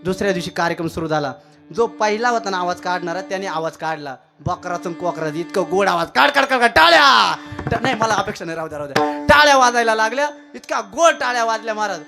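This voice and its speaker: A man's voice: sits high, a bit bright. Man, Marathi accent, devotional sermon, repetitive emphatic delivery, sung verses, instruments playing behind. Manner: emphatic, repeats key phrases, jokes with the audience, breaks into chant. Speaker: kirtan preacher. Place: village temple. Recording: live temple sermon with instrument accompaniment.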